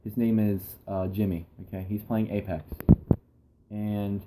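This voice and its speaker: A man's voice: fairly low pitch, little pitch movement, unhurried, heavy background noise. A young man hosting a casual podcast, rambling through topics with a lot of restarts and laughter. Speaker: podcast host. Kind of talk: casual chat.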